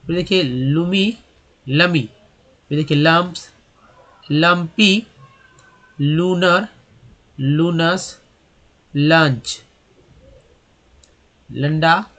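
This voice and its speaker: A man's voice: fairly high pitch, extremely slow, long pauses, a bit bright. A man teaching English pronunciation, spelling words out letter by letter and asking and answering his own questions. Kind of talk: explaining pronunciation.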